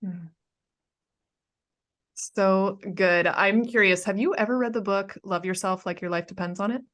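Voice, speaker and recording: A woman's voice: mid-range voice, measured pace, fairly bright tone. A woman hosting a coaching podcast, affirming and enthusiastic as she responds to her guest. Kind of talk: casual podcast conversation.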